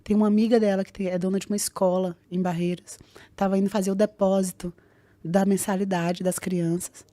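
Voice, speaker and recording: Animated Rio woman, warm voice. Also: mid-range voice, no room sound. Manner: animated, acts out dialogue in quick voices. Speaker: guest, jiu-jitsu fighter. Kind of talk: personal storytelling on a podcast.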